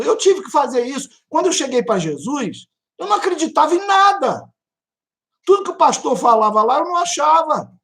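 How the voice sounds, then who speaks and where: A man preaching a live testimony sermon, telling his story in an animated way and speaking to listeners as brother and sister. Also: extremely high pitch. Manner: animated storytelling, imitating a pounding heartbeat.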